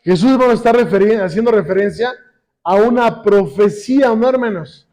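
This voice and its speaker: Guy with a higher voice teaching a church class, keeps asking the brothers to fill in the words, slows down for scripture. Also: darkish tone. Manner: constantly quizzes the congregation with call-and-response questions; slows down when quoting scripture. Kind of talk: sermon-style Bible lesson.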